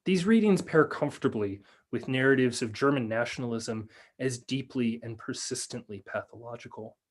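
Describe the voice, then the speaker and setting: A man lecturing on a video call, reading a prepared paper in a measured way and then answering questions with many fillers and restarts. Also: mid-range voice. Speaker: lecturer and researcher.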